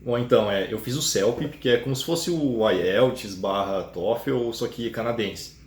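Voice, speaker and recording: A man's voice: fairly low pitch, unhurried, a little mellow. A man, a programmer guest chatting casually on a live stream and explaining at length with easy laughs. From Brazil, São Paulo. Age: 30s. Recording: roomy, faint noise.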